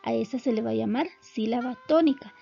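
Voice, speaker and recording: Measured woman teaching a lesson, gravelly. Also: fairly high pitch, mellow, dull audio, soft background music. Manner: clear, measured explanatory delivery. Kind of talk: recorded classroom lesson.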